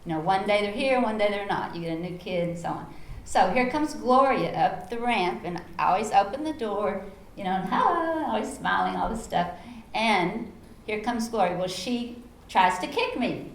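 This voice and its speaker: On a conference panel, a middle-aged Texan woman tells stories from her teaching days, animated and acting out her own quoted lines. Her mid-range voice moves at normal speed. The conference room is echoey, with faint background noise.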